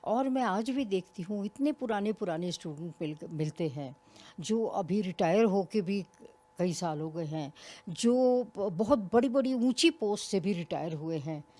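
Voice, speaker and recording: A woman's voice: medium pitch, expressive, a little slow. An older woman, a retired college principal, speaks reflectively as an interview guest and explains her points with small examples. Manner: reflective, explains with examples, occasional soft laughs. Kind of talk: interview conversation.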